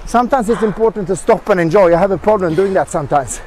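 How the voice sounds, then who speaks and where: A man's voice: high-pitched, fast, a little mellow, a little hiss or hum. A man talking casually in a running vlog while jogging outdoors. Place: outdoors on a hilly mountain road.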